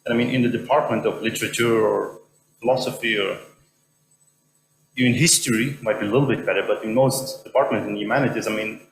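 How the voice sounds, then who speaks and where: A man from Sweden in the audience asking a question at an academic lecture, talking haltingly with many restarts. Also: fairly low pitch, fairly even intonation. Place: lecture hall. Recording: echoey hall with faint hum.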